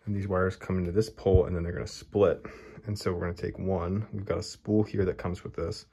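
Recorded on a phone camera in his hobby room, a man with a deep, low, creaky and slightly rough voice walks through his model train scenery step by step. He speaks briskly but in a relaxed, easygoing way, thinking aloud as he works in a casual how-to narration.

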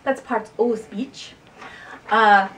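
A woman's voice: a little high, steady tone, extremely slow, fairly bright tone. A woman co-hosting a family video, teaching parts of speech with a playful pirate flavor. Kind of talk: casual teaching presentation. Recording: distant mic with faint noise.

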